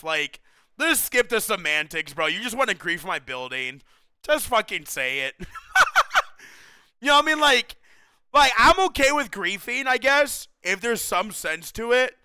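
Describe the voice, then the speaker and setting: Excitable high-voiced young male streamer. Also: smooth, no room sound. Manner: excitable, slangy, says bro a lot, laughs often. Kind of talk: casual chat with stream viewers.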